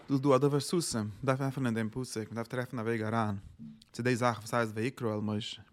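Guy giving a torah talk, middle-pitched voice, earnest singsong preaching. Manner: earnest, singsong preaching that swells when quoting verses. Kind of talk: Torah sermon.

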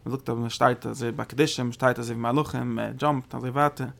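With a steady tone and a gravelly, mid-range voice, a man teaches Torah in a religious study lecture. His speech comes haltingly as he doubles back, repeating words and restarting phrases, and he lifts his voice suddenly high to emphasize a point.

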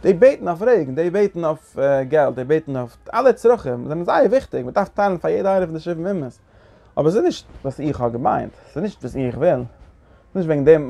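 A man's voice: a little high, creaky, dark tone. A man giving a Torah lecture, asking rhetorical questions and restarting phrases often. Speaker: Torah teacher.

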